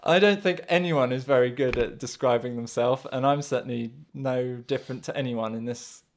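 A man chatting on a podcast in an unhurried, searching way. His sentences stall and restart while he hedges and corrects himself, his voice sitting at an ordinary middle pitch. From England. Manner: halting, hedging, self-correcting. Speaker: podcast co-host. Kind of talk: casual podcast chat.

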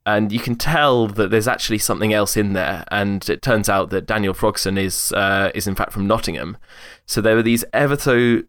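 A man's voice: fairly low pitch, moderate pace, few pauses, fairly bright tone, no room sound, clean studio sound. A young man hosting a casual chat, explaining his points with frequent restarts and eager detail. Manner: hesitant, many restarts, enthusiastic about detail. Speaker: podcast host discussing accents.

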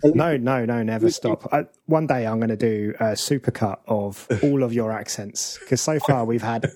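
A man's voice: medium pitch, moderate pace, dark tone, dry recording. A man hosting a podcast, with a mid-range voice recorded dry and close. He teases his co-host in a wry, easygoing way and moves the show along. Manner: wry, teasing, steers the show. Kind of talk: casual podcast chat.

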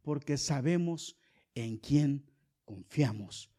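A middle-aged male pastor preaching a sermon, shifting from loud calls to the congregation to soft, low storytelling. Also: lively intonation, slow pace.

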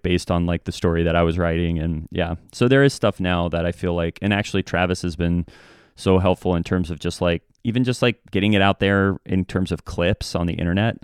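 In a clean studio recording with no echo, a man with a low, clear voice talks as a guest on an interview. An improv comedian on a podcast, he speaks casually and reflectively, often acting out snippets of dialogue he remembers.

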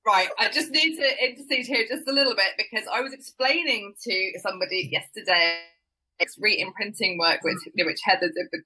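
Woman, podcast host, bright, breathy, bubbly, gushing. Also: mid-range voice, normal speed, poor audio. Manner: bubbly, gushing, laughs often. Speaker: podcast and live-stream host. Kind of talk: casual interview chat.

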